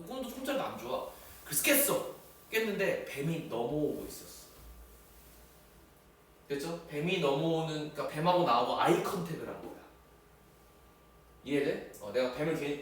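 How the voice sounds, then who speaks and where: A male teacher tells a story during a lecture in a casual, animated way and acts out the shouts and voices of the people in it. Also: high-pitched. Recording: echoey room with a distant mic.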